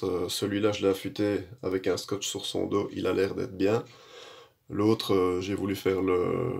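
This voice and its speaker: A man giving relaxed, rambling commentary while demonstrating a shave, with many fillers and self-mocking asides. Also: deep voice, gravelly, husky. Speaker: shaving vlogger. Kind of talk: casual how-to commentary.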